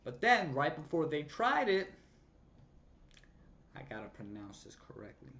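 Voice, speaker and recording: A man excitedly recapping a TV episode in casual slang, acting out scenes with sound effects. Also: on the high side, a little slow, gravelly, a little hiss or hum. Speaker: show recap vlogger. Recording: slightly dull lo-fi sound.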